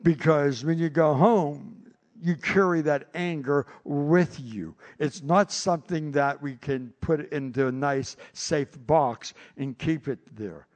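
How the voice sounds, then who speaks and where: A male pastor delivers a sermon, telling stories in an animated way and often repeating words. His voice sits a little high and he speaks at a slow pace.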